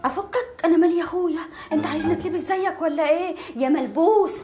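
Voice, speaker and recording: A woman's voice: very high voice, fast talker, loud music behind the voice. An actress with an Egyptian accent playing a sassy, bickering young woman. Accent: Egyptian Arabic. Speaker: actress in amateur comedy film.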